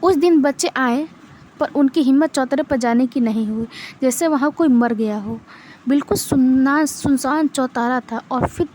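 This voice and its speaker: A woman reading a short story aloud in a steady narrating manner, with small restarts. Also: sits high, a little hiss or hum. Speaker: literature reader.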